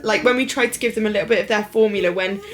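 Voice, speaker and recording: Young mum vlogger, casual and chatty, gets emotional; soft music bed. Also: female voice, mid-range voice, rapid-fire. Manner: chatty and emotional, lots of fillers and asides. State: sore from a run. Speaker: vlogger, mother of twins. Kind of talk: casual vlog chat to camera.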